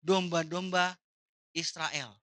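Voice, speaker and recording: A woman's voice: lowish voice, steady tone, slow pace, a bit bright, pitched below the performer's own voice. A woman preacher quoting a stern man who turns away a pleading woman, said firmly and dismissively. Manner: firm and dismissive.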